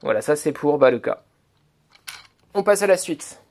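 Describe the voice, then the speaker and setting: A man's voice: on the high side, expressive, normal speed, creaky, a little mellow. A man giving a hands-on toy review, explaining step by step with many hesitations and fillers while he handles the toy. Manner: hesitant, filler-heavy explaining, "donc voilà".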